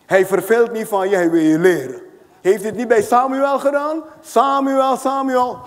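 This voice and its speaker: A man preaching a sermon as pastor, telling stories with lively acted-out voices. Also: high-pitched, normal speed. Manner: animated storytelling, acting out voices. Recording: long hall reverb.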